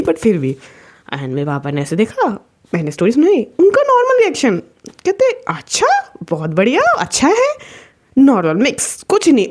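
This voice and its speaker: A woman's voice: a little high, warm tone. A young woman telling a personal story in a casual, chatty way, mixing in English words as she talks. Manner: chatty, mixes in English words, frequent restarts. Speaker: vlogger.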